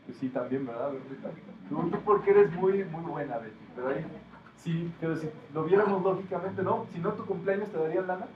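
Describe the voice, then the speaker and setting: Man, metaphysics teacher, explaining and quizzing the class, slightly high voice, distant echoey lo-fi recording. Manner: explanatory, asks the class questions. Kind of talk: classroom talk to students. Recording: echoey room, distant, dull, faint noise.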